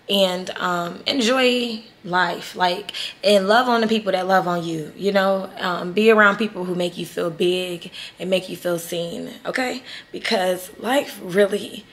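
A woman's voice: on the low side, a little slow, fairly bright tone. A woman in her thirties vlogging casually to camera in an emotional, rambling way. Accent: Southern US. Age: 30s. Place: resort room. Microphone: phone or camera held to self.

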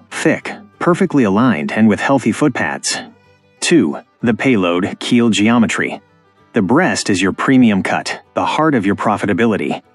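Male narrator, lowish husky voice, firm instructive read. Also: no echo. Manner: emphatic, instructive, deliberate. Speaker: farming channel narrator. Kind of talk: scripted voice-over narration. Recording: dry close voice-over with faint music.

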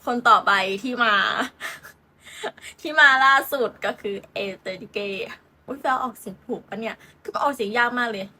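A young woman with a bright, high voice talks through football transfer news in a loose, chatty way. She giggles often and fills her talk with fillers and playful asides, like a host gossiping with her viewers. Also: normal speed, breathy edge. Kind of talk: casual football transfer chat.

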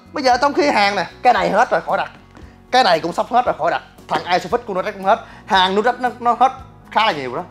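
A man, a gym business owner ranting to his viewers in a blunt, crude and animated way and often asking "right?". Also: sits high. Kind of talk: casual ranting talk to viewers.

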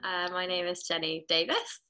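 A woman's voice: fairly low pitch, fairly even intonation, normal speed, over loud music, rough recording. A woman with a Welsh accent, a theatre maker, talking earnestly on a video call from home. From Wales. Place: home room, indoors.

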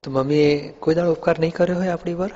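This is a question-and-answer discourse for youth, led by a spiritual teacher whose voice is fairly high, mellow, and fast with fairly even intonation. He questions the young listeners patiently, leaning on everyday examples; the audio is dull and echoey, from a hall.

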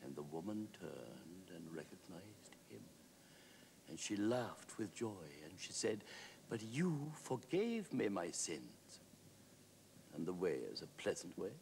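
A man with a very deep voice tells a story on stage in a theatrical way. He swells grandly on some phrases and sinks almost to a whisper on others. A faint hiss sits under the recording. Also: gravelly. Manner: dramatic, swelling and hushing. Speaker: stage actor narrating.

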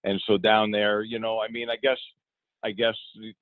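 His voice is on the low side with little pitch movement and a moderate pace: a middle-aged fishing guide casually answering interview questions from a boat on the water. He tends to repeat words and restart his sentences, and the phone-like recording is tinny but echo-free.

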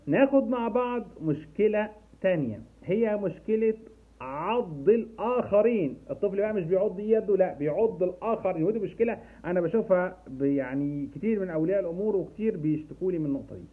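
A man's voice: sits high, expressive, fast talker. A man speaking in an Egyptian Arabic accent, a special education specialist explaining patiently to parents and repeating key points. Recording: tinny phone-like sound.

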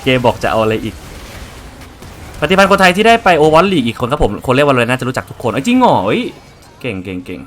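A man's voice: medium pitch, big pitch swings, fairly quick, a bit bright, faint music behind. Chatty young male game streamer. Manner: chatty, swears casually, talks to viewers. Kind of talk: casual gameplay commentary.

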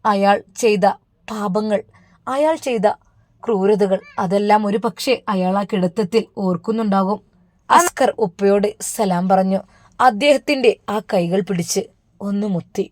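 A woman with a Malappuram accent narrating a story in an emotional, hushed way. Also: mid-range voice, moderate pace, no room sound. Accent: Malappuram Malayalam.

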